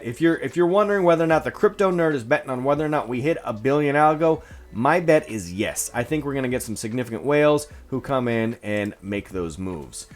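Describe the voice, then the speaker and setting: Chatty excitable man hosting crypto news. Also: on the high side. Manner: chatty, excitable, lots of fillers and asides. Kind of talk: casual solo news vlog.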